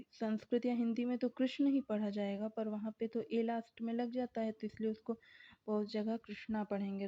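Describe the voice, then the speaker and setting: A woman teacher giving an exam revision lecture, reading out terms and examples one by one. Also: mid-range voice. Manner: slow, deliberate, reading out lists of examples. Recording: dull lo-fi recording.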